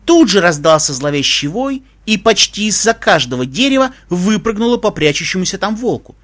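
A man narrating a story in an expressive, animated way. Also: high-pitched, brisk.

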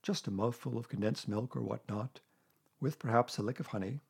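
A man voicing a humble, slow-witted, gentle bear in a children's storybook, speaking in a simple, dreamy, earnest way. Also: medium pitch, animated, breathy edge. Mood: dreamy, wistful.

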